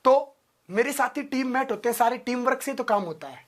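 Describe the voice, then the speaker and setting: A young male teacher speaks straight to his students in a motivational talk. His voice swings widely, dropping almost to a murmur and then climbing high and loud in heartfelt pleading. The delivery is raw and earnest, without polish. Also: expressive, fairly quick. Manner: impassioned, rising to loud emotional pleading.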